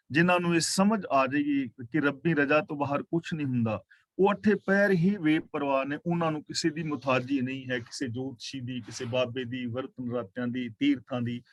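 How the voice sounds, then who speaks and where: Sikh teacher chanting and explaining scripture. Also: male voice, a little high, a bit bright, no echo. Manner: chants verses slowly, then explains them plainly. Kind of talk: religious scripture class.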